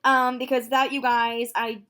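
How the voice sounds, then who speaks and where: A nineteen-year-old woman talking casually to her viewers in a vlog, chatty and full of fillers, quick to exclaim. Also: on the high side, clear, resonant tone. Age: young adult, nineteen. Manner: excitable, quick to gasp and exclaim. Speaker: vlogger.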